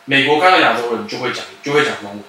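A young man chatting casually as a podcast co-host, often cutting in with quick agreement. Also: mid-range voice, lively intonation, sharp tone. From Taiwan. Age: young adult. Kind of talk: casual chat. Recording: echoey room, mic far off, faint noise.

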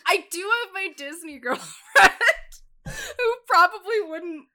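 A woman's voice: very high-pitched, big pitch swings, slow pace, sharp tone. An American woman hosting a podcast, chatting casually, blunt and rambling, swearing freely. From United States. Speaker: podcast host.

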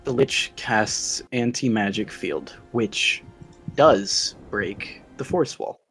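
A man acting as game master in a tabletop game, relaxed and quick to laugh. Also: on the low side, faint music behind.

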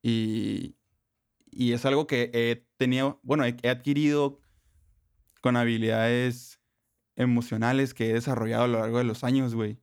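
Casting: young man, northern Mexican accent, mid-pitched, casual and foul-mouthed with heavy slang, close dry sound. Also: level tone, normal speed, darkish tone, clean tone, no room sound. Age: young adult. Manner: profane, heavy street slang. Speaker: interview guest.

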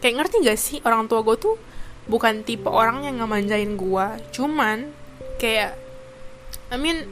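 A young woman from Indonesia, chatting casually to camera, full of fillers and bits of English. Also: a little high. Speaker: vlogger.

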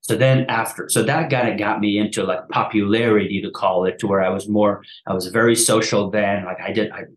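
Recorded in an echoey room, a man from Afghanistan in his thirties hosts a podcast and shares his story casually. He speaks quickly with a lowish voice and fairly even intonation, full of restarts and frequent "man"s.

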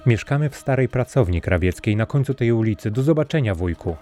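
A man's voice: mid-range voice, expressive, brisk, warm tone, faint music behind, close to an everyday voice. A man voicing a poor young tailor's son who speaks eagerly in a storybook reading. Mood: excited. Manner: eager, exclaiming.

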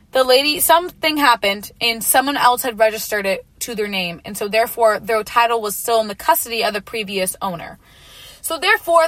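A young woman in her late teens telling a personal story in a chatty, animated way, full of filler words. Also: a little high, no room sound. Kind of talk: casual storytime chat.

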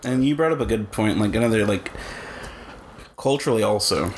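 Casting: young male podcast co-host, Californian accent, creaky voice, slangy halting casual talk. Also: fairly low pitch. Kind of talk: casual chat. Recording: faint background noise.

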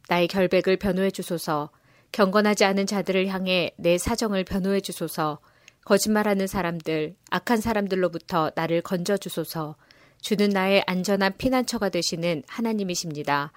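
A woman giving a measured, solemn scripture reading. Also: medium pitch, dry recording, clean studio sound. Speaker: scripture reader.

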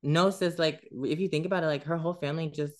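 Woman, low deep voice, podcast co-host, casual gossip chat, blunt, profane, emphatic. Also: fairly even intonation, fast talker, a little mellow.

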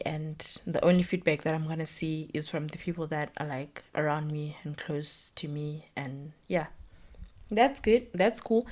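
A young woman talks alone into the mic for her podcast, chatty and candid, with fillers and asides along the way. Her voice sits a little low for a woman. She keeps it relaxed and personal. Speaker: podcast host. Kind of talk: casual solo podcast monologue.

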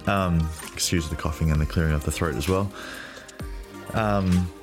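A young man hosting his own podcast, speaking reflectively with a husky voice while getting over a cold. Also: low-pitched, measured pace, music in the background. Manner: reflective, loose, frequent fillers and throat clearing. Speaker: podcast host. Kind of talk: solo podcast monologue.

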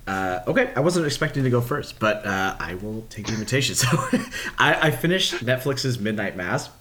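A man co-hosting a film podcast by call-in, chatting in an animated, rambling way. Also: medium pitch, normal speed. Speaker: podcast co-host. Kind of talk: casual podcast chat. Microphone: remote call-in mic.

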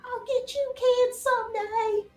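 A woman's voice: very high voice, fairly even intonation, a little slow, a little mellow, echoey room, soft background music, voice pushed up. A woman voicing a foiled villainess in a tabletop game, sputtering vengeful threats.

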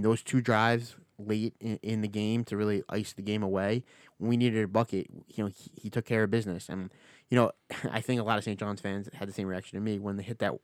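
Lower-voiced man chatting about sports. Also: dry recording, clean studio sound. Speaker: podcast co-host. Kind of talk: casual sports discussion.

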